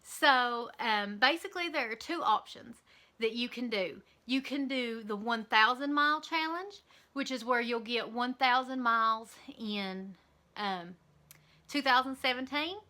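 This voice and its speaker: A woman's voice: on the high side, unhurried, pushed and bright. A woman with an Eastern Kentucky accent talking casually and candidly to camera in a vlog, with frequent ums and likes. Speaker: vlogger.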